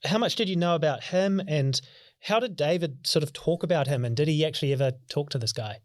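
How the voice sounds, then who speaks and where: Guy interviewing someone for a podcast, calm steady questions, dry sound. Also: on the high side, brisk, dry recording.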